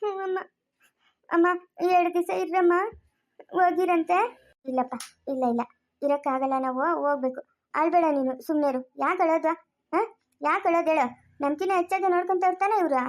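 A woman's voice: sits high, fairly even intonation, fast talker, lightly acted. A woman acting a tearful villager in an amateur family drama, speaking in an emotional, pleading way. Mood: consoling.

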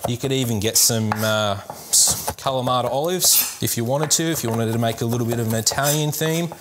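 A man's voice: medium pitch, brisk. Chatty man cooking, chopping audible. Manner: chatty, upbeat, addresses viewers as guys. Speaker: cooking show host, sports dietitian. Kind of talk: casual cooking demonstration. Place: home kitchen, indoors. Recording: kitchen clatter and chopping noise. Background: knife chopping on board, dishes clinking.

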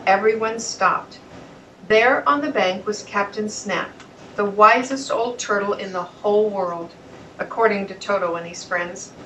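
Bright woman reading a children's story. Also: medium pitch, measured pace, distant mic, slight background noise, rough recording. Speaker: narrator. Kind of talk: children's storybook read-aloud.

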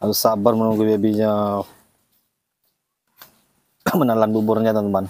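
A man vlogging as he feeds and looks after a baby animal, talking gently and coaxing it with repeated phrases. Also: fairly low pitch, monotone, moderate pace. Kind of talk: casual vlog narration.

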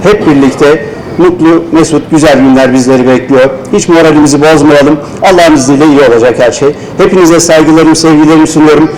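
A man's voice: a little high, brisk, a little mellow, slight background noise, poor audio. Man speaking formally at a pulpit mic. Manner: formal, consoling, addresses dignitaries by title. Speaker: local official giving a ceremony speech. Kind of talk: formal ceremonial speech. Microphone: speaking at a pulpit microphone.

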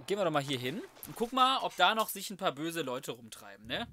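A young man with a fairly high, sing-song voice and sharp tone speaks fairly quickly. He gives casual, slangy, flippant let's play commentary, with faint noise and video game sounds in the background.

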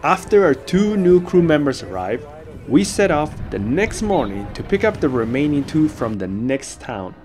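A man's voice: fairly high pitch, very animated, moderate pace, darkish tone. A young man narrating his sailing trip for a travel vlog in an easygoing, upbeat way. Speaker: travel vlogger. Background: background music.

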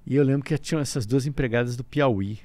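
A middle-aged man from Brazil, a guest telling a story in a casual interview, lively, with stammered restarts and bursts of laughter. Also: medium pitch, brisk, no echo. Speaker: guest, breathwork teacher.

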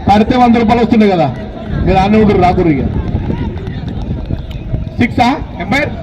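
A man's voice: high-pitched, a little fast, a crowd in the background. A man with a Telangana Telugu accent giving informal live amateur cricket commentary outdoors, chatting directly to the players. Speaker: local cricket match commentator. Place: outdoors at a local cricket ground. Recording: distant outdoor sound from the mic.

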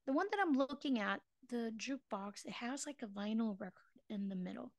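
Her voice sits on the high side with a darkish tone, captured in a dry recording. She's a middle-aged Filipina running a live online drawing class, chatting with her audience, laughing at her own work in a self-mocking way, and breaking into fragments of songs as she sketches.

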